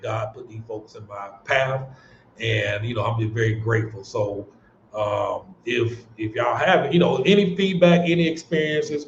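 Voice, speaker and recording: An American man chats earnestly on a livestream, circling back and restarting his sentences as he goes. His voice sits at an ordinary middle pitch. The audio sounds roomy and a bit dull. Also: a little hiss or hum. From United States. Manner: earnest, rambling with many restarts and fillers. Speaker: livestream host. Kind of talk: casual livestream chat.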